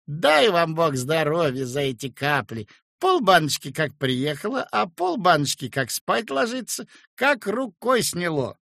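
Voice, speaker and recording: A man voicing a flattering rosy-cheeked village woman of about thirty, talking in a sing-song, fawning way. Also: sits high, measured pace, few pauses, slightly rough, no room sound, clean studio sound, pitched above the performer's own voice, full character voice.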